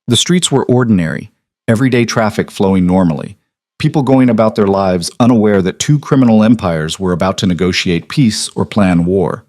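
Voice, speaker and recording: A man reading a dramatic story aloud in an even, steady scripted narration. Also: on the low side, a little fast, dry recording.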